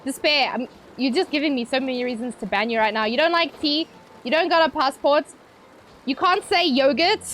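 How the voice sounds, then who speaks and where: A woman's voice: fairly high pitch, fairly bright tone, rough recording. A young woman streamer chatting casually with her viewers while gaming, playful and teasing, laughing often.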